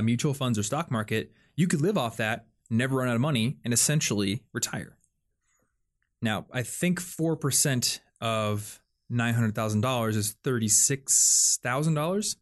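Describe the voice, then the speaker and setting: A young man hosts a podcast in a casual chat, thinking out loud with plenty of fillers and restarts. His voice is medium-pitched and expressive, at a normal speed.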